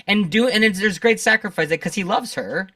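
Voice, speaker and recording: A man's voice: sits high, brisk, pushed and bright, no room sound. A man guesting on a podcast, talking through a film in casual, opinionated and teasing chat. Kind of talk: casual movie discussion. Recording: dry sound from a distant mic.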